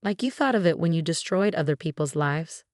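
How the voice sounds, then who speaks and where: A woman's voice: low voice, brisk, no room sound, studio quality. A woman voicing an estranged middle-aged aunt who speaks evenly and cuttingly. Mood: firm. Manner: even, cutting.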